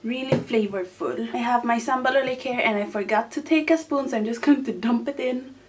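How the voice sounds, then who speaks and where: A young woman hosting a casual mukbang, chatting excitably to viewers as she eats. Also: fairly high pitch, a little fast. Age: teenager to young adult. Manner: excitable, exclaiming, talking to viewers while eating. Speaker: mukbang host. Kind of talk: casual mukbang eating chat to camera.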